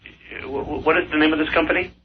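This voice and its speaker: Polite patient caller on the line. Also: male voice, fairly high pitch, steady tone, fast talker, slight background noise. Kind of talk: phone call. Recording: phone line on radio aircheck.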